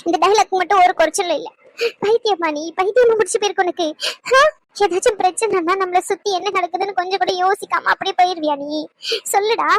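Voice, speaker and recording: A woman voicing a tearful, fiercely devoted young female student who scolds fast while crying in a cartoon. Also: very high voice, no room sound. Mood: angry. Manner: scolding, crying, rapid-fire questions. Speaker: voice actor. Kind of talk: cartoon dub acting.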